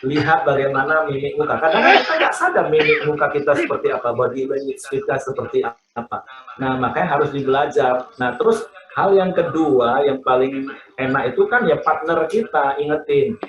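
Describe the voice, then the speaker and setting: Animated pastor teaching, echoey room. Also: male voice, mid-range voice, moderate pace, lo-fi sound, crowd noise. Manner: animated, joking, acts out example phrases. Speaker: pastor, guest speaker. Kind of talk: teaching talk on family life.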